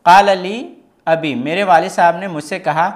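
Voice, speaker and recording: A man teaching an Arabic grammar lesson step by step, patiently asking questions and answering them himself, and reading example phrases slowly and carefully. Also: sits high, fairly even intonation. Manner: explains patiently, asks and answers his own questions.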